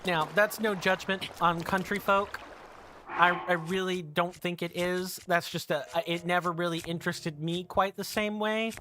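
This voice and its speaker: Streamer, 30s, bright voice, rambling self-correcting chatter over gameplay. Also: medium pitch, steady tone, unhurried. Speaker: streamer playing a video game. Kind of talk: casual let's-play chat.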